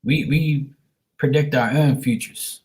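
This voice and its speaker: A man's voice: mid-range voice, slow, a little mellow. A man hosting a casual livestream chat, talking informally to viewers and giving them encouraging advice. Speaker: psychic reader and livestream host.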